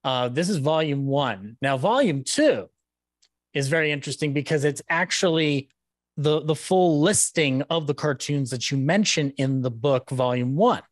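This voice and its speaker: In his thirties, this man hosts a live online event from a room at home over a video call, introducing a guest and then interviewing them with effusive, rambling enthusiasm. His voice is on the high side and expressive, at a moderate pace, picked up without echo on a close desk mic and headset.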